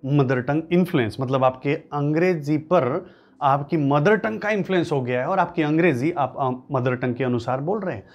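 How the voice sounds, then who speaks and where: A man's voice: fairly high pitch, moderate pace, highs cut off. A man giving an emphatic motivational lesson, repeating and listing key points to drive them home. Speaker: English-speaking coach.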